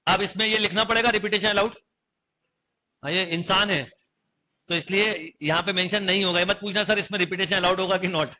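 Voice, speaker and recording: A man's voice: high voice, fairly even intonation, brisk, pushed and bright, slight background noise. A young man teaching a maths class to students, often quizzing them and repeating key phrases. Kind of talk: online coaching class lecture. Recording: dull lo-fi class recording.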